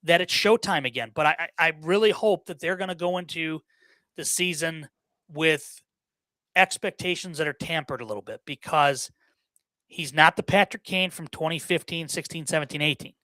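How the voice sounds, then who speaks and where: A man's voice: fairly high pitch, normal speed, sharp tone, dry recording. A man guesting on a sports podcast, giving opinions in casual chat, often repeating words and using fillers.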